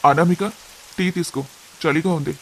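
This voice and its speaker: A man voicing an earnest, devoted young husband in an animated family story, speaking with strong emotion. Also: a little high, normal speed, slight background noise.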